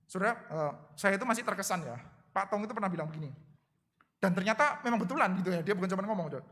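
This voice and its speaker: A male pastor preaching a sermon in a lively way, addressing the congregation as "brothers and sisters" after nearly every phrase. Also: sits high, racing. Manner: lively, acts out quotes in different voices. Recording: long hall reverb.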